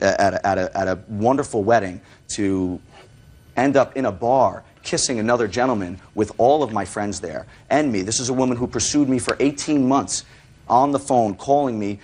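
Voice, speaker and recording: A man's voice: medium pitch, a little mellow. A man testifying as a litigant in a TV courtroom, indignant and self-justifying, with stiffly formal wording and hesitations.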